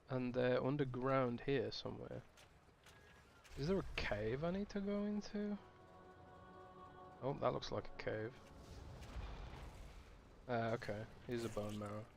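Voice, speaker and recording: A man's voice: medium pitch, animated, slow, gravelly, pauses often, soft background music. A man streaming a game, chatting casually and thinking aloud with restarts. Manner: rambling, thinking aloud with fillers.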